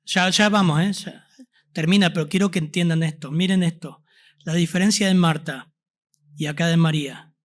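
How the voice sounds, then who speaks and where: A man's voice: a little high, normal speed. A man with an Argentine accent preaching a Sunday sermon as pastor, asking the congregation questions. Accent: Argentine Spanish. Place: church service.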